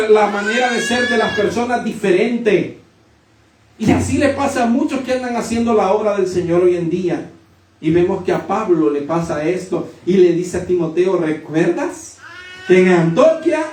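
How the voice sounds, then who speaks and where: Male preacher, high-pitched, storytelling sermon style, distant mic in a roomy church. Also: a little mellow. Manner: storytelling, with rising emphatic declarations. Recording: echoey room from a distant mic.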